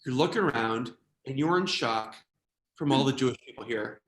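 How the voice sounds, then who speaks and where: An American man performing a stand-up comedy routine, animated, slipping quickly into quoted voices. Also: medium pitch, roomy sound. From United States.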